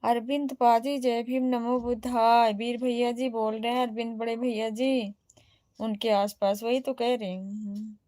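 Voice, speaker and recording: Woman streamer, Awadhi accent, higher voice, slow chatty delivery reading comments aloud. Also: level tone, warm tone, no echo, studio quality. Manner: chatty, greets and answers viewers one by one. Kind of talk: casual livestream chat.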